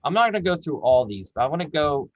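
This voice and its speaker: A man presenting as an executive coach on a webinar, talking earnestly and slowing down to act out example phrases. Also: fairly high pitch, big pitch swings, no room sound, dull audio. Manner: earnest, slows down and acts out example voices.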